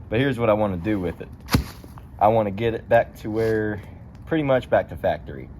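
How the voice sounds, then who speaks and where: A man's voice: lowish voice, lively intonation, normal speed. A man talking casually to camera in a laid-back, meandering, folksy way, with colloquial grammar. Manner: folksy colloquial phrasing, ain't and them. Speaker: vlogger. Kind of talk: casual rambling vehicle chat to camera. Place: in and around a truck. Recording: dull lo-fi audio, vehicle noise. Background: car and outdoor ambience.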